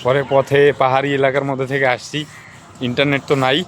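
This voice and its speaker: A hoarse man talking casually to his viewers in a travel vlog, outdoors by a lake. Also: mid-range voice, monotone, quick pace, fairly bright tone, a little hiss or hum. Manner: chatty, addresses viewers. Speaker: vlogger.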